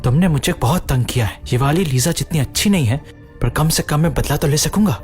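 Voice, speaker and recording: A man's voice: a little high, a little fast, a little mellow, soft background music, lightly acted. A male voice actor dubbing an arrogant young bully who threatens boastfully and whines when beaten. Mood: menacing. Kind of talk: Hindi dub of a drama.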